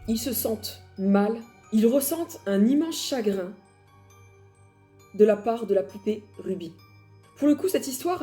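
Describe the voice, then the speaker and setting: Woman, casual ghost-story storyteller, slightly high, mellow tone, faint music behind. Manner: chatty, laughs at herself, dramatic emphasis. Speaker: paranormal storyteller.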